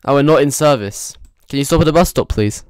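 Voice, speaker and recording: Teasing male streamer, smooth dry voice. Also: mid-range voice, brisk, a little mellow, dry recording. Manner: teasing, playful banter. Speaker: streamer reviewing players' driving. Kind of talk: live game commentary.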